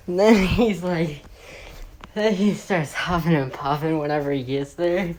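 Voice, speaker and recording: Brief: woman, deep voice, slow, profane casual storyteller. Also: a little mellow, a little hiss or hum. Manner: rambling, profane, with fillers and restarts.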